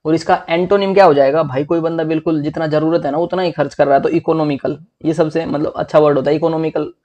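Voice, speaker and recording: A young man teaching English vocabulary for exams in a lively, chatty way, often calling his listeners "bhai". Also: on the high side, fast talker, highs cut off. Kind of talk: exam-prep vocabulary lesson.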